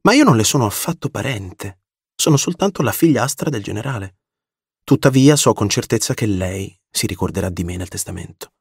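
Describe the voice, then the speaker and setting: A man reading an audiobook, voicing a proud, cold and mocking young woman with a sharp, scornful delivery. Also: on the low side, animated, fairly quick, vocal fry, husky, dry recording, clean studio sound, full character voice. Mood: cool.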